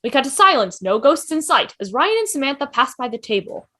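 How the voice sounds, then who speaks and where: On a video call, a woman with a bright, high, animated voice reads out stage directions for a table read. The narration is expressive and moves fairly quickly.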